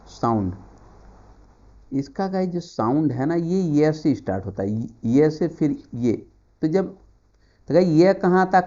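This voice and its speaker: Male Hindi-speaking grammar teacher, Indian accent, mellow dark voice, drills viewers with repeated words. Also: a little high, highs cut off. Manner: repeats key words, drills viewers with timed quiz questions. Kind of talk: online exam-prep grammar lesson.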